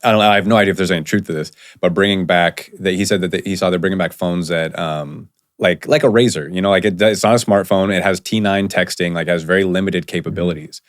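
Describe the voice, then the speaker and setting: A man's voice: deep voice, fairly even intonation, quick pace, few pauses, no echo, clean studio sound. A man hosting a podcast in casual conversation, chatty and rambling with lots of fillers and restarts. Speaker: podcast host.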